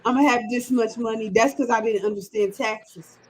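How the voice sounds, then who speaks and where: A woman's voice: fairly high pitch, fairly even intonation, moderate pace, slightly rough, low-quality recording. A woman in her thirties chatting casually on a sports show, ranting with emphatic repetition. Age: 30s.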